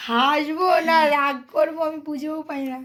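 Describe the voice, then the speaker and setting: A woman's voice: sits high, fairly even intonation, moderate pace, a bit bright. A woman filming her toddler at home for a casual vlog, coaxing and scolding him while she narrates. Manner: coaxing and scolding a child, exasperated. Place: home, indoors.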